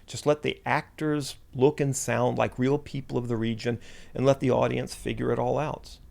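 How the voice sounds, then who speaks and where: A man's voice: mid-range voice, flat delivery, normal speed, gravelly, darkish tone. A man, a writer, delivering a reflective spoken essay in a musing, wry and self-deprecating way.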